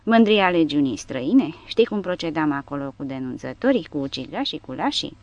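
A woman reading the part of a cold, vengeful male foreign legionnaire in an audiobook, grim and measured. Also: sits low, sing-song, no room sound, muffled recording, exaggerated voice. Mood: coldly menacing.

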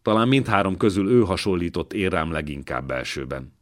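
A male reader voicing a wounded old man, a former royal servant, who speaks slowly and weightily like a stern father. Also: deep voice, big pitch swings. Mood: wistful. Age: older.

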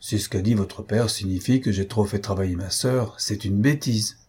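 A man's voice: on the low side, normal speed, darkish tone, husky. A man reading an audiobook, voicing a stern, practical middle-aged aunt who lectures bluntly, raised well above his own voice. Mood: scolding. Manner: lecturing, firm and cutting.

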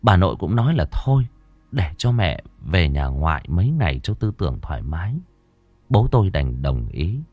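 Low-voiced male storyteller, dramatic. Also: normal speed, slightly rough, dry recording, lo-fi sound, soft background music. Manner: expressive, dramatic. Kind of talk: audiobook story narration.

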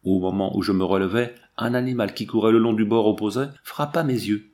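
A man with a fairly low voice reads a classic adventure novel aloud. His narration is steady and measured, and he shifts his voice slightly for the quoted characters. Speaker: audiobook reader.

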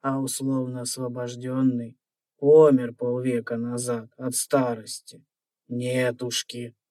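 An actor playing a wry, ancient dragon in an audio fairy tale, speaking with drawling, mock-courteous manners. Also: male voice, mid-range voice, monotone, slow pace, warm tone, no room sound, lightly acted. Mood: leisurely, dismissive.

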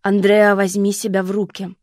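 A woman voicing a tough, wounded middle-aged mother who speaks bluntly and hoarsely, in an audiobook. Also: mid-range voice, flat delivery, measured pace, darkish tone, no echo, studio quality. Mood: urgent.

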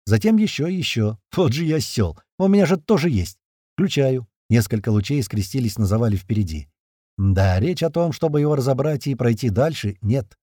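Guy reading a gritty action audiobook, husky dark voice, lively delivery. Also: medium pitch, moderate pace, no room sound, clean studio sound. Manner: terse, punchy, slangy. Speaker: audiobook narrator. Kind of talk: first-person action audiobook narration.

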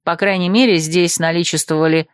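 A woman reading a first-person audiobook aloud, with lively, wry, expressive inner monologue. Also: on the low side, brisk, smooth, no room sound, clean studio sound. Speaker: audiobook narrator.

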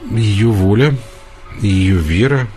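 Radio host, male, low-pitched, earnest lecturing with pauses; faint music under the broadcast. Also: darkish tone. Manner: earnest, emphatic lecturing with hesitations. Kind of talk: radio call-in talk.

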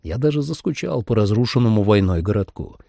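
A man's voice: fairly low pitch, lively intonation, brisk, creaky, mellow, no echo. A man reading a first-person audiobook with a dry, wry telling. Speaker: audiobook narrator.

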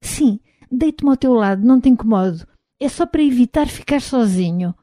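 Woman reading a pushy pleading man, soft wheedling voice, European Portuguese accent, very mellow, audiobook. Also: on the high side, lively intonation, moderate pace, no room sound, pitched above the performer's own voice, natural voice. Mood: coaxing.

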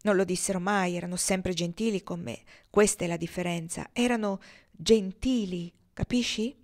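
A woman's voice: lowish voice, steady tone, moderate pace, lightly acted. A woman reading an anguished pleading man. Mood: bitter. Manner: raised, agitated delivery.

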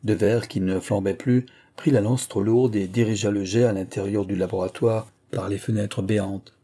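A man narrating a literary audiobook in a measured, expressive reading. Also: fairly low pitch, husky.

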